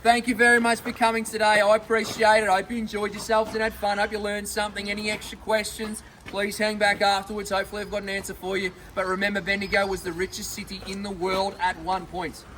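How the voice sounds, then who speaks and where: An Australian man working as a mine tour guide, talking to a group in a loud, matey, informal way. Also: sits high, monotone, fast, hardly any pauses. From South Gippsland, Australia. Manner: matey, chatty, projects loudly to the group. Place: gold mine tour site, picked up by a visitor's camera. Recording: distant mic, loud machinery and vehicle noise.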